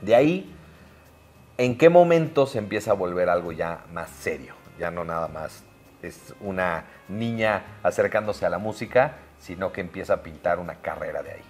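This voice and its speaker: A man hosting an interview show in a relaxed, chatty way with plenty of fillers. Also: deep voice, moderate pace, soft background music. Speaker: host.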